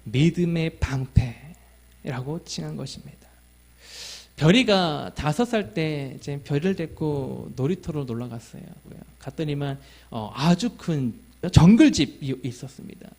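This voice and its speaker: High-voiced man preaching a sermon. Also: lively intonation, measured pace, a little mellow. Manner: earnest preaching with rhetorical questions to the congregation; tells a family story and acts out his child's lines. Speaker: pastor.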